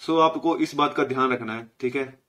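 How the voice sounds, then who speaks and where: A man's voice: mid-range voice, a bit bright. Man patiently teaching letter sounds. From India. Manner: explains patiently, repeats letter sounds slowly. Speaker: language teacher. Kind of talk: casual spoken lesson.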